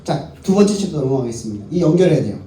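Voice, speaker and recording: Rapid-fire and on the high side, this man's dark-toned voice has lively intonation as he preaches to a youth service. The pastor poses questions to the crowd and answers them himself to keep them engaged. Recorded from a distance in an echoey worship hall, it has faint background noise.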